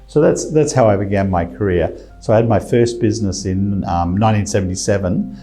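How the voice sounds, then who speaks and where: A man's voice: lowish voice, a little fast, over music. A man in his sixties with a South Australian accent, answering interview questions in a rambling way with many restarts. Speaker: guest.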